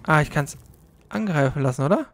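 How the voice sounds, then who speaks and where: Gamer softly coaxing an in-game companion. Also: mid-range voice, animated, brisk, a little hiss or hum. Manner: coaxes and soothes the game companion in a soft voice; talks to themself, puzzled and mildly frustrated. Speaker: let's play host. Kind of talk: live gameplay commentary.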